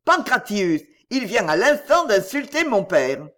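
Furious young roman guy as a man reads him, loud, high and lively. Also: measured pace, full character voice. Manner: loud, cursing.

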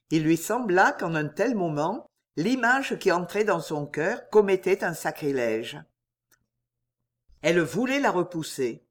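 A man narrating an audiobook in a slow, solemn, expressive way. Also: sits high.

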